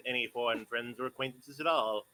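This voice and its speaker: A man's voice: mid-range voice, fairly quick, noisy background, pitched below the performer's own voice, close to an everyday voice. A man voicing an earnest, bewildered young male hero in an amateur game dub, with wary, exaggerated asides. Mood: puzzled, wary.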